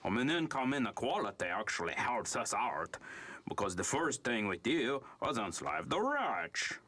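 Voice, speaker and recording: A man voicing a calm, friendly male alien who plans to enslave humankind, talking in a casual, matter-of-fact way. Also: mid-range voice, moderate pace. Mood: breezy. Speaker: panel guest.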